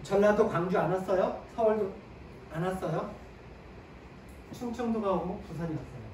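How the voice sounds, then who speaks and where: Male history lecturer, high voice, question-and-answer teaching manner, distant mic in a reverberant classroom. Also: normal speed, a little mellow. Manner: asks the class questions and answers them himself; sprinkles short "네" affirmations while explaining. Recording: echoey room, mic at a distance, faint ambient noise.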